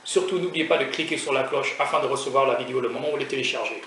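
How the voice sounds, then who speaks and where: Talking very fast in a medium-pitched, somewhat bright voice, this young food vlogger raised in France chats casually, stumbling through fillers and restarts and making self-mocking jokes. He sits far from the mic in an echoey room, with faint noise in the background.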